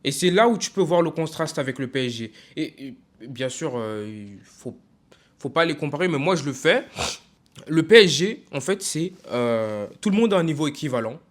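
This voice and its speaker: A young French football vlogger rants casually on video, frustrated and emphatic, his voice on the high side and animated. He halts often, with fillers and restarts.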